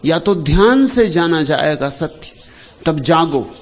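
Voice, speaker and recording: Slow, lilting man giving a spiritual discourse. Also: animated. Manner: pausing between short phrases, dropping low and soft at the ends of thoughts. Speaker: spiritual speaker.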